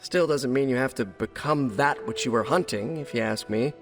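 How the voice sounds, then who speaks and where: A man's voice: medium pitch, normal speed, music in the background, close to an everyday voice. An American man playing a young, nerdy, wisecracking superhero in a video game, chatty and joking in a stop-and-start delivery. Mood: earnest. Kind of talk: video game cutscene dialogue.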